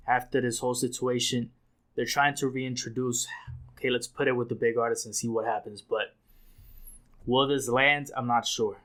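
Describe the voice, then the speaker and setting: A man's voice: mid-range voice, fairly bright tone. Opinionated man thinking aloud. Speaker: music reviewer. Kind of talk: casual spoken track review.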